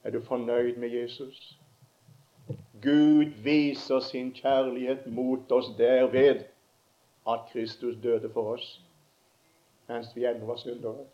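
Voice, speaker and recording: An older man preaching a sermon, rising to loud emotional peaks and then dropping into soft, slow prayer. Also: mid-range voice, flat delivery, lo-fi sound. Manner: builds to loud emotional climaxes, then prays softly.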